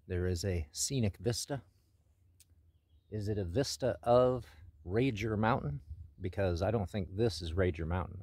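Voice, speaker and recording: A man's voice: low-pitched, a little mellow. An older man narrating casually as he hikes a forest mountain trail outdoors, thinking aloud with many fillers and the odd dry joke. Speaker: hiking vlogger. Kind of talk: casual narration while hiking.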